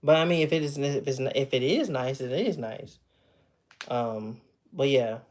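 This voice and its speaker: A man in his thirties livestreams from home with memorabilia behind him, chatting casually with viewers. His mid-range voice is slightly mellow and moves at a measured pace. He's loose and chatty, laughing often and trailing off mid-thought.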